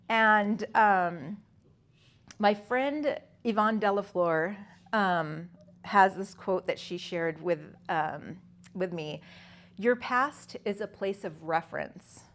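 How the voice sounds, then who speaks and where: A woman in her fifties speaking at a conference, telling her personal story conversationally with many fillers and restarts. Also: medium pitch. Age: 50s. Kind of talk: personal story talk to an audience.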